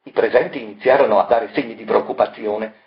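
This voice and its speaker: A man narrating a scripted story in a measured, dramatic manner. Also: fairly low pitch. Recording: echoey, dull, with soft music.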